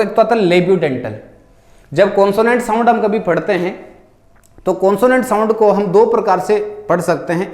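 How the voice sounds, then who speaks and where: A high-voiced male teacher walks through exam answers. He poses a question, then answers it himself. The room around him is echoey. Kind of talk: exam solution lesson.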